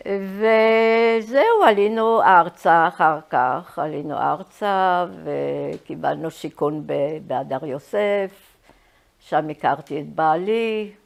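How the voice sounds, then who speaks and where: A woman in her eighties sharing personal memories in a reminiscing style, often halting to search for words. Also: lowish voice, vocal fry. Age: 80s. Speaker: Holocaust survivor giving testimony.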